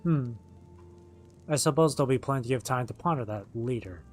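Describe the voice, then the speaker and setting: A man's voice: mid-range voice, expressive, normal speed, faint music behind. A man streaming a game, reading its written dialogue aloud and acting it out as he goes. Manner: acts out the written dialogue as they read.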